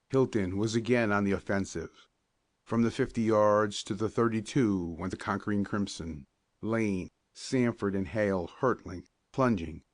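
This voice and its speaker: Male storybook narrator, low pitch, measured delivery, dry booth sound. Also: no echo. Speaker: audiobook narrator.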